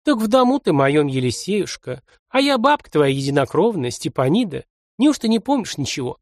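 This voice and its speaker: A man's voice: a little high, very animated, moderate pace, dry recording, studio quality. A man reading aloud and voicing a tearful, fussing old village grandmother with a folksy, doting way of talking.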